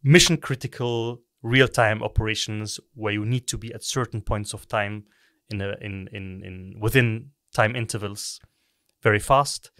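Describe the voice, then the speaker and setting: A middle-aged man from Egypt speaks as a podcast guest, his voice sitting low. He explains step by step, restarting his phrases often. The sound is dry and close. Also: steady tone, fairly bright tone, no room sound. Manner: measured, explanatory, with repeated restarts. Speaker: guest, tech company co-founder. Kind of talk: podcast interview.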